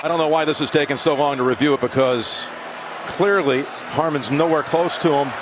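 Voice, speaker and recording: Male play-by-play caller, live football commentary, slightly high pitch, noisy stadium broadcast. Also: brisk.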